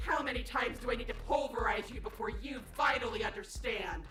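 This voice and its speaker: Woman acting a high, echoing video game princess. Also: fairly quick, music in the background, close to an everyday voice. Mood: menacing fury. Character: wrathful godlike princess turned gentle and remorseful. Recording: reverberant voice over ambient noise.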